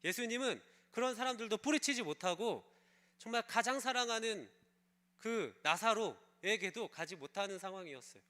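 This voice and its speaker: A man's voice: sits high, animated, moderate pace, bright, forceful tone. A male pastor preaching a sermon, telling a story and putting questions to the congregation. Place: church service.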